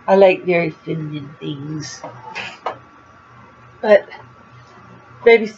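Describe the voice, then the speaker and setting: Here the Florida crochet vlogger, an older woman, sits low and a little mellow, drawing out her words as she chats to the camera. Congested and coughing slightly, she rambles and laughs at herself. The recording loses its highs and carries a faint hiss or hum.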